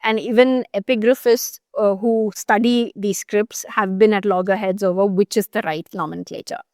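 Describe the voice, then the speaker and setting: A journalist from Chennai, India, appears as a guest in a conversational interview, thoughtfully explaining a complex subject while thinking aloud, pausing with frequent fillers and restarting sentences. Her middling, slightly mellow voice keeps a steady tone, and the sound is close and dry with no room sound.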